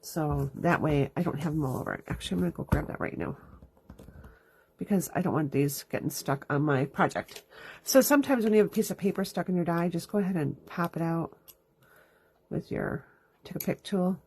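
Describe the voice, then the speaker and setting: This host's low voice is husky and a little mellow, with vocal fry and a fairly quick pace. She chats through each step of a live card-making demonstration in her craft room while sniffling and stuffy from allergies. In the background, her dog drags its bed around.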